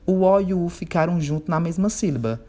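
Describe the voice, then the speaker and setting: A man's voice: on the high side, animated, mellow. Patient male teacher stretching out words. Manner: patient, checks in often, stretches words slowly when spelling out syllables. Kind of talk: remote workbook lesson for children.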